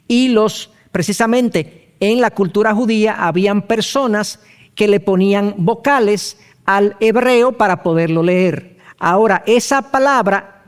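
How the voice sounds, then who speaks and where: A middle-aged male pastor leads a Bible study with a high-pitched voice. He explains each point patiently and spells out terms letter by letter. He speaks at an unhurried pace and asks his listeners rhetorical questions. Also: clear, resonant tone.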